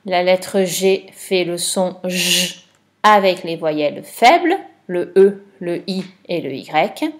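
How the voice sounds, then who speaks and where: Female teacher, unhurried dictation voice, patient, clear spelling. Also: lowish voice, animated. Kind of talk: slow dictation lesson for a child.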